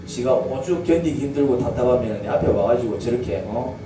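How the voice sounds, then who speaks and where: In an echoey church sanctuary, recorded on a distant mic with background noise, a man preaches a sermon in a mid-range voice. His intonation is lively and his pace fairly quick as he asks questions and draws call-and-response replies.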